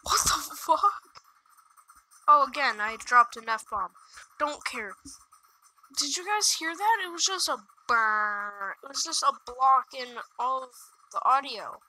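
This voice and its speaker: A woman's voice: high-pitched, animated, slow, bright, forceful tone, rough recording. A woman giving casual, sarcastic gameplay commentary, complaining and swearing freely as she plays. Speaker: gaming video creator.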